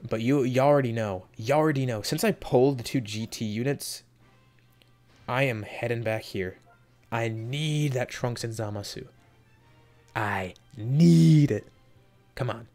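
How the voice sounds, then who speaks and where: Young guy doing gacha pulls, mid pitch, yelps high when hyped then mutters, faint music behind. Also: normal speed, darkish tone. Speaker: gaming video host. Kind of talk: casual gacha summon reaction.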